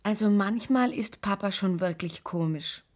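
A woman narrating a children's radio play in a calm, clear storytelling manner. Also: medium pitch, measured pace.

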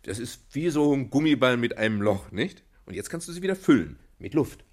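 An actor playing a good-humored father in a children's radio play, patient and gently teasing, often chuckling as he explains things to his little girl. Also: medium pitch, expressive, fairly quick, close to an everyday voice. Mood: patient teaching.

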